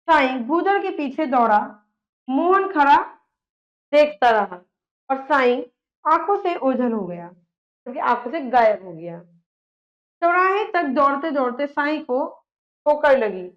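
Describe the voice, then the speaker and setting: A woman teacher reading a story aloud and restating each part in simple words for children. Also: sits high. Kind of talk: reading and explaining a textbook story. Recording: dull lo-fi sound.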